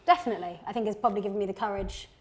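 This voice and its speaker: A woman's voice: medium pitch, very fast, noisy background. A woman from Birmingham in her thirties, a company founder chatting casually while cooking in a home kitchen, full of fillers and restarts. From England (Birmingham).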